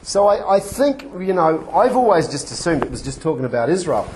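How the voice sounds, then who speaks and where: A man preaching in a lecture-like way, halting and discursive, often correcting himself as he goes. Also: fairly high pitch, very animated, darkish tone. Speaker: preacher giving a teaching. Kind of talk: sermon-like lecture with quotations read out. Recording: clearly noisy recording with clicks.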